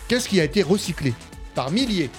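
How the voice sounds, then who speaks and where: Higher-voiced man hosting live radio. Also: very animated, fairly quick, soft background music. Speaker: radio show host. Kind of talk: live radio show presenting.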